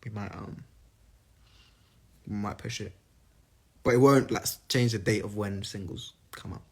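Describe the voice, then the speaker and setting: A man's voice: on the low side, unhurried, gravelly, darkish tone, slightly rough. A young man casually reading fan questions aloud and answering them on a phone livestream, rambling and playful. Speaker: singer answering fans on a livestream.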